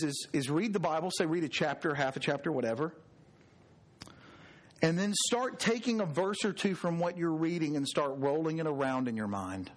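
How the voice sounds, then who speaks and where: A man, preaching a conversational sermon with earnest, drawn-out emphasis on key words. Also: a little high. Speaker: pastor.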